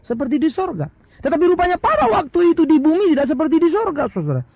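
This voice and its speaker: A man's voice: very high-pitched, sing-song, quick pace, dry recording. A middle-aged man with an Indonesian accent preaching a sermon as a pastor, telling stories and asking rhetorical questions, with English words mixed in. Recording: dry, dull lo-fi sound.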